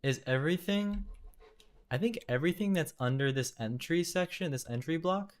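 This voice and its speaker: A young man thinking aloud while live-coding at his desk, musing and questioning himself in halting bursts. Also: fairly high pitch, lively intonation. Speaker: programmer live-coding a compiler. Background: keyboard typing and clicking.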